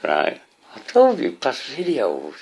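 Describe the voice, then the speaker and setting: Guy ranting n swearing at the camera, slow talker, pitch swings all over. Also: wildly swooping pitch, vocal fry, darkish tone, breathy edge. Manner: swearing, ranting, asks the viewer questions. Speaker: vlogger. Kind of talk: rambling monologue to camera.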